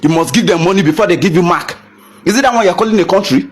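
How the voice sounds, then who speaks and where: Fast, husky Nigerian young man ranting. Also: sits high. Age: young adult. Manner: heated, repetitive rhetorical questions, mixing in Pidgin. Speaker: photographer ranting to camera. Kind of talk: impassioned rant.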